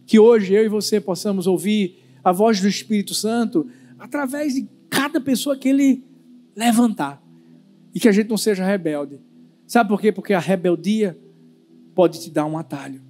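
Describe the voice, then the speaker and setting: A male pastor giving a sermon as an animated storyteller who uses dramatic pauses. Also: high-pitched, faint music behind.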